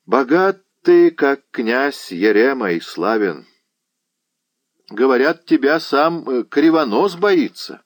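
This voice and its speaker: A man voicing a loud, sharp-tongued old witch woman in an audiobook, with a shrill, mocking way of talking. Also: very animated, slow, no echo, studio quality. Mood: scolding.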